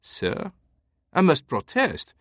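A man's voice: fairly high pitch, wildly swooping pitch, slow, a bit bright, no room sound, studio quality, voice pushed up, heavily acted. A man voicing a stiff, formal male manservant guarding his master. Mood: stern.

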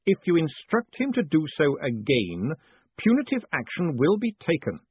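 A man voicing a cool, condescending aristocratic ruler with a slow drawl. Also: a little high, wildly swooping pitch, slightly rough, dry recording, pitched above the performer's own voice, exaggerated voice. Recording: dry, phone-like narrow band.

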